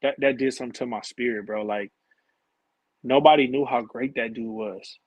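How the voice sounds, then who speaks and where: Interview guest: husky-voiced man, mid pitch, animated and slangy, dry recording. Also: moderate pace, no room sound, highs cut off. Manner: animated, slangy storytelling, acts out his own past conversations. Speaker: interview guest, former college and pro basketball player. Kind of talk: casual storytelling interview.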